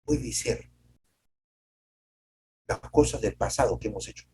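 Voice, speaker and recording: A male pastor preaching an emphatic sermon on a video call, with dramatic pauses and sudden jumps in pitch. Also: warm tone, slightly rough.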